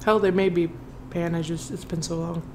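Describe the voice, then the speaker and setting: A woman's voice: on the low side, fairly even intonation, moderate pace, darkish tone, a little hiss or hum. A woman vlogger chatting casually while chewing her food, rambling and trailing off with fillers. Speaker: mukbang vlogger. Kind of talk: casual chat while eating.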